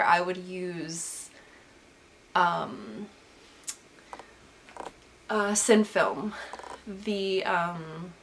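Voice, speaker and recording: Her voice low and a bit bright, a young woman still stuffy from a recent illness fields photography questions from viewers in a laid-back vlog, rambling with plenty of "like" and false starts. The camera's built-in mic catches slight background noise.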